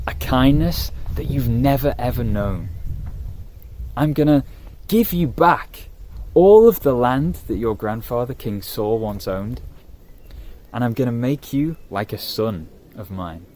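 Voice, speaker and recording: A man telling it as a calm, generous old king. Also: medium pitch, unhurried, a little hiss or hum, close to an everyday voice. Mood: reassuring.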